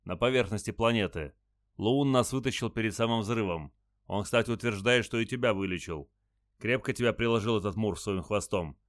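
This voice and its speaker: Guy doing a firm starship captain, lowish voice, dry close sound. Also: a little fast, no echo, lightly acted. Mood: commanding. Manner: firm, commanding. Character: stern starship captain, male adult, commanding.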